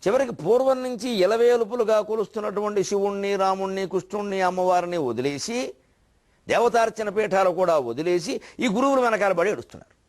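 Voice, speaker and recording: An older man giving a religious discourse, indignant and scolding, firing off rhetorical questions and slowly chanting verses. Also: sits high, darkish tone. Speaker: spiritual orator.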